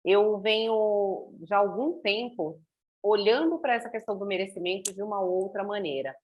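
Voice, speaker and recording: A woman speaking thoughtfully in a casual conversation, explaining her ideas step by step. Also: medium pitch. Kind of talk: casual reflective chat.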